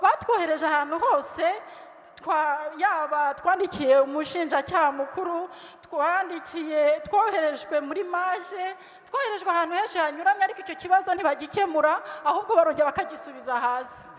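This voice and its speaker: Woman at a public forum, high voice, earnest plea, hall reverb. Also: a little fast. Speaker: audience member asking a question. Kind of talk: public question at a town hall. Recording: echoey hall.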